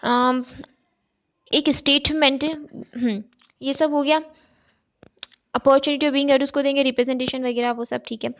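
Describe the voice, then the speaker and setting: High-voiced woman tutor, lo-fi recording. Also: steady tone, measured pace, pauses often. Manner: explains step by step, poses questions and answers them, often says "ठीक है". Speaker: chartered accountancy tutor. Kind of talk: recorded exam-prep lecture. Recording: dull, lo-fi recording.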